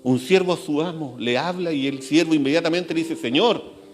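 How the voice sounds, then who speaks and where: A man preaching a sermon in church, repeating phrases and slowing down, dropping low to stress key words. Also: faint music behind. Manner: slows and drops low for emphasis, repeats phrases. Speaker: pastor.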